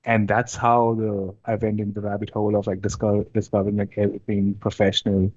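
A young man from India, chatting casually as an interview guest, relaxed and hesitant with many fillers. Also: fairly low pitch, fast, breathy edge, dry recording, lo-fi sound. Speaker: interview guest, amateur drifter.

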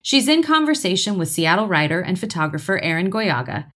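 Measured woman reading an introduction. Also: fairly low pitch, very animated, a bit bright. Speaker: event host. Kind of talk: scripted introduction.

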